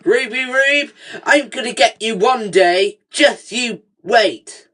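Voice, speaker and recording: Villain for homemade train story, male performer, slow gloating menace, theatrical threats, drawn-out words. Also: very high voice, bright, forceful tone, heavily acted. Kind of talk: amateur storytelling with toy-train characters.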